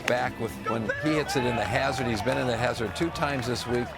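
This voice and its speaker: A man's voice: medium pitch, a little fast, gravelly, a loud crowd. A man speaking as a golf commentator and analyst, explaining play with music behind him. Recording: music bed under the voice.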